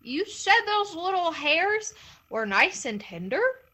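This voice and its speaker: A woman's voice: very high-pitched, slow pace, voice pushed up, heavily acted. A woman doing a yipping, hungry cartoonish coyote. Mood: eager. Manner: yips excitedly between words. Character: hungry wily male coyote, easily confused.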